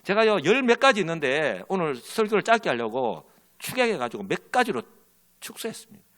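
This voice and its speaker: A man's voice: high-pitched, big pitch swings, a little fast, a bit bright. A man preaching a sermon as pastor, telling a story and leading the congregation in call and response. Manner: tells an illustrative story with quoted characters.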